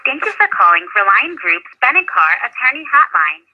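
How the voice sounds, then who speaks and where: Recorded phone message, woman's voice kinda high, polite and formal, muffled phone sound. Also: very animated, brisk. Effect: recorded phone greeting played over a call. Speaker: hotline recorded greeting. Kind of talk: scripted phone menu announcement.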